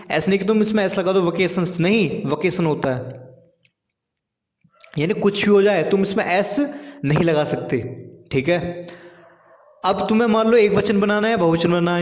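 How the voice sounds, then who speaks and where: A man's voice: sits high, a little mellow. A man teaching an English grammar lesson, saying each word twice and explaining it simply, with frequent checks like "okay". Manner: repeats each word, explains in simple terms, says "ठीक है" often. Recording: echoey room with long reverb.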